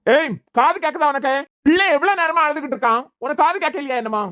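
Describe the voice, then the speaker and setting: Angry cartoon dad voiced by a woman, high-pitched and fast, Kanyakumari accent. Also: animated, fairly bright tone. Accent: Kanyakumari Tamil. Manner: scolding, raising his voice. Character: angry young husband and father, hot-tempered. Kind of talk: cartoon serial voice acting.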